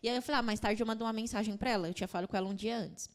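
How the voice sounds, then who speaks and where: A woman's voice: a little high, rapid-fire. A young adult woman, a podcast guest, retelling a painful personal story with lots of quoted dialogue.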